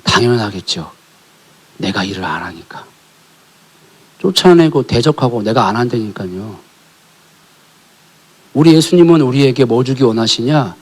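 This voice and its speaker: Here a male pastor with a husky, mid-range voice gives a sermon in the church sanctuary. He narrates a family story and asks the congregation questions, his voice surging to emphatic calls and then dropping almost to a whisper.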